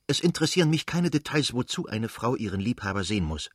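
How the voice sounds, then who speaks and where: A man reading an audiobook and voicing a cold, furious middle-aged husband with a squeaky voice who talks in a stern, contemptuous way. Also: big pitch swings, fast talker, breathy edge, no echo, clean studio sound.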